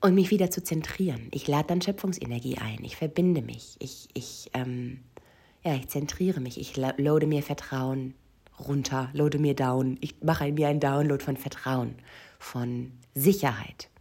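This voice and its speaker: A woman coach speaks in a very deep, dark voice at normal speed, with vocal fry and a breathy edge. Her monologue is personal and intimate, aimed straight at the listener, and often sinks into a whisper.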